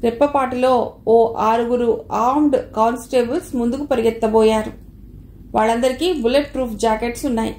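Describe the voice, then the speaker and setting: A woman reads a novel aloud in a steady storytelling manner, voicing the dialogue lightly. Her voice sits a little high. The room around her gives it a noticeable echo. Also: brisk. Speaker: audiobook narrator. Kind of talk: scripted narration of a novel.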